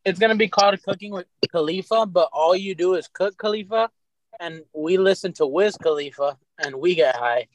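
A man's voice: high voice, normal speed, no echo, low-quality recording. Joking man with a dry, close sound. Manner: joking, absurd riffs. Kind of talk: casual chat.

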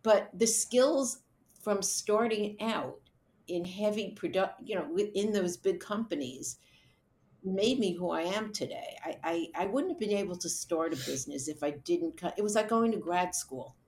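A woman's voice: mid-range voice, moderate pace, a little mellow, a little hiss or hum. A middle-aged woman, an event producer, answering interview questions in a chatty, storytelling way and laughing now and then. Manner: chatty, laughs while telling stories.

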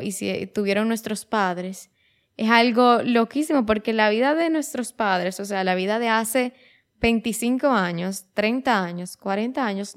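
A young woman in her early twenties hosts her own show in a relaxed, reflective monologue. She talks in a chatty way, restarts her sentences and slips English words into her talk. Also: medium pitch. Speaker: podcast host.

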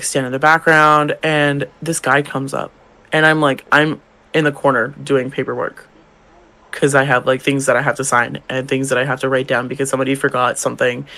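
A young man, a drag queen co-hosting a podcast, chats casually about work, swearing and acting out customers' lines. His mid-range voice is gravelly and feminine-leaning, bright and forceful, with fairly even intonation at a moderate pace. The recording is rough.

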